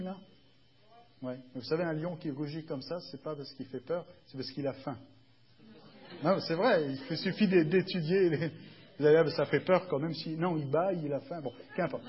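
Un homme qui prêche un sermon sur un ton de conversation et qui demande souvent à l'assemblée si elle le suit. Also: male voice, a little high, highs cut off. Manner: conversational, often checks the congregation is following; acts out little dialogues with shifts of tone. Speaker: preacher. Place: church.

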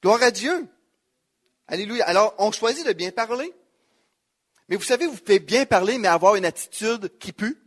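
A man's voice: sits high, animated, normal speed, pauses often, fairly bright tone. A man with a Quebec French accent preaching a sermon, emphatic, repeating key phrases and quoting scripture. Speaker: pastor.

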